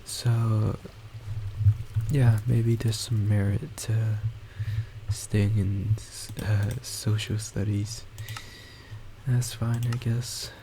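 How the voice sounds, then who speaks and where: Keyboard typing and a distinct hiss come through the boosted-gain desktop mic as a college student, a young man, rambles through a personal monologue. He talks softly, quietly and low, slow and almost without inflection, stalling and restarting often, with fillers in nearly every sentence as he doubles back on himself.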